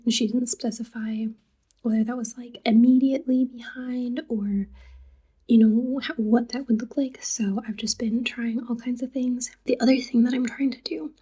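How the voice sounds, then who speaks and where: A woman talking casually to camera about her own language learning, soft-spoken and drifting into a breathy near-whisper, with chatty asides. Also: a little high, poor audio.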